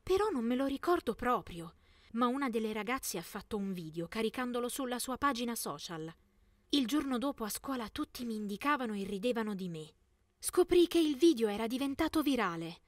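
A young woman reads a scripted first-person story as a teenage narrator, clearly and expressively. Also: on the high side, expressive, brisk, no room sound.

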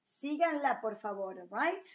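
A woman teaching English to children, slowly and patiently repeating and translating each word. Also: on the high side, animated, dull audio. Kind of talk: recorded online class for children.

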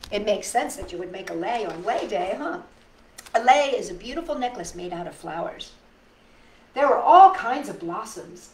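Reading picture books to children, this middle-aged host speaks in a mid-range voice, full of animation, dramatic pauses and chatty remarks to her young listeners. The living room recording is roomy, with a distant mic and background noise.

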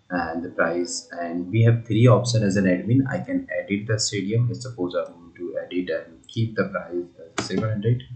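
A man's voice: deep voice, a little mellow, roomy sound, low-quality recording. A man narrating a screen-recorded coding walkthrough, explaining steps with frequent fillers and restarts. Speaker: software tutorial presenter.

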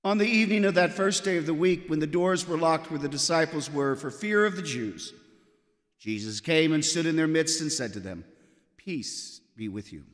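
High-voiced priest in cathedral echo. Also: male voice, lively intonation, normal speed. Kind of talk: solemn scripture reading and homily. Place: large church interior, at a lectern. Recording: cathedral-like echo, long church reverb.

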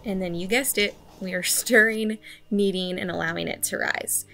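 A woman in her thirties who runs a homesteading channel explains her bread recipes step by step from her home kitchen, friendly and instructional in this cooking tutorial. Her medium pitch is steady and a bit bright with vocal fry, her pace moderate, and faint music plays behind her.

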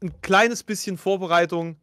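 Wry man, guest on a live chat, slightly high voice, dry close mic. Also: fairly even intonation, moderate pace, pushed and bright, dry recording. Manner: wry, self-deprecating, rambling with restarts. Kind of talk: casual chat.

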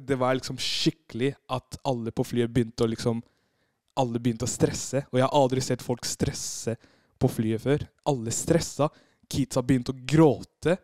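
Guy chatting on a podcast, lively storyteller, dry close sound. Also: medium pitch, no echo. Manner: animated storyteller, acts out screams and quotes. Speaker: podcast guest. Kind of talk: casual storytelling.

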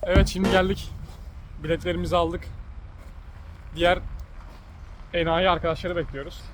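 A man's voice: high-pitched, flat delivery, normal speed, over music. A young man bantering wryly and casually for a vlog outdoors. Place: outdoors near vehicles. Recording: loud outdoor traffic noise.

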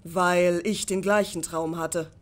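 Brief: quiet male journeyman, knowing, low and soft, read by a woman. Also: steady tone, takes it slowly.

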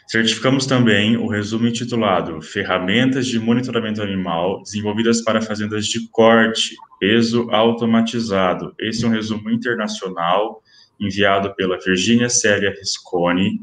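A man presenting at an online academic event, reading out award certificates in a formal, steady listing manner. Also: lowish voice, normal speed, reverberant, a little hiss or hum. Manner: steady listing of titles and names.

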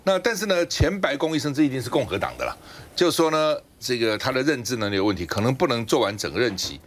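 A man's voice: mid-range voice, big pitch swings, fast talker. A man hosting a political talk show, chatty and explanatory, often tagging his sentences with a casual particle. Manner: chatty, explanatory, ends phrases with a tag particle. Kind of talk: political commentary chat.

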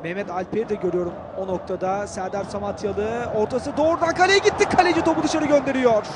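A man giving excitable, declamatory live commentary on a football match. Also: sits high, fast talker. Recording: loud stadium crowd noise behind. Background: cheering football stadium crowd.

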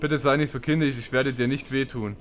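A man playing a video game, chatting casually and quietly reading the subtitles aloud. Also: fairly even intonation, fairly quick, slight background noise. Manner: reads game subtitles aloud in a soft, low-key voice. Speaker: let's play gamer. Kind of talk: casual gameplay commentary. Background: game music.

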